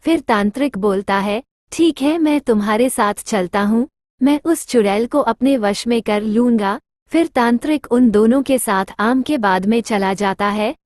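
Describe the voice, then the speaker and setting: A woman narrates a cartoon story in a plain, even way. Her voice sits a little high. The sound is dry and close. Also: unhurried, dry recording.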